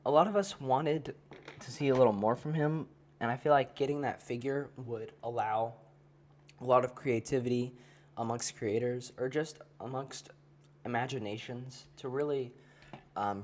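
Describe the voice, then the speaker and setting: A man's voice: medium pitch, normal speed, darkish tone, slight background noise. A man with a congested voice, hosting a podcast and chatting casually with many fillers and restarts. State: congested, has a cold. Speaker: podcast host. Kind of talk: casual toy review chat.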